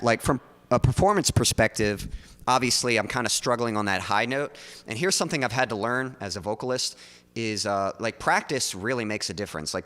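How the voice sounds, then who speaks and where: A man with a somewhat low voice chats casually on a livestream, rambling a little with plenty of "like" and "um". He speaks into a studio mic just in front of his mouth, and a long reverb tail trails after his words. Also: a bit bright. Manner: loose and chatty, full of likes and ums. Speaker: streamer and songwriter.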